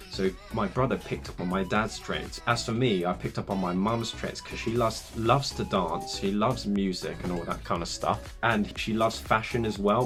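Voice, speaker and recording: A man's voice: sits low, a bit bright. A young man from England, talking through a casual get-to-know-me vlog in a chatty, rambling, self-deprecating way. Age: young adult. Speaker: YouTuber.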